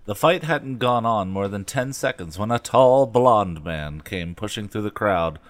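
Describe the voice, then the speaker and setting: A man co-hosting a podcast, reading a book aloud with deadpan remarks. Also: on the low side, a little slow, dry recording. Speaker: podcast co-host. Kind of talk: casual chat and reading aloud.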